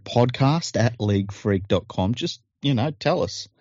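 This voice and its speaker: A man co-hosting a podcast, chatting casually in a deadpan, teasing, sweary way. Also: mid-range voice, unhurried, dry recording, lo-fi sound. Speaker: podcast co-host. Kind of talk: casual chat.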